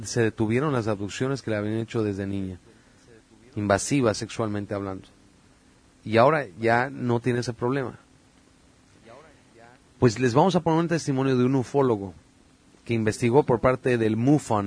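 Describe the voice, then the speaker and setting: A man's voice: medium pitch, normal speed, darkish tone. A man, talking earnestly on a podcast, telling stories with many filler sounds. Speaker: podcast guest speaker on religion and UFOs. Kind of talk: casual podcast talk.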